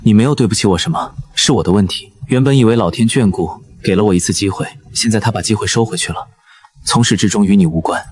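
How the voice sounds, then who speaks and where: A husky, fairly low-voiced young nobleman from a costume romance. He is intense and possessive and talks in an earnest, brooding way. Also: fast. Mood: quiet. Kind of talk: costume drama acting.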